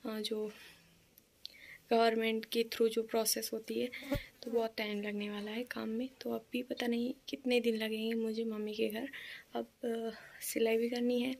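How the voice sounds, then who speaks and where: Soft, slow young woman vlogging. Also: fairly high pitch, little pitch movement, vocal fry. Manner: soft-spoken, slow and subdued. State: tired and sleepy. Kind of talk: casual vlog chat.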